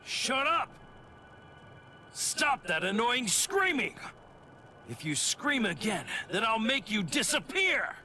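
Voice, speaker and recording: A cocky snarling warrior in a game, bright tense voice, swings up and down a lot, slow. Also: male voice, mid-range voice, lively intonation, faint music behind. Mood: furious. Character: brash, violent young male warrior spirit. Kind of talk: game cutscene voice acting.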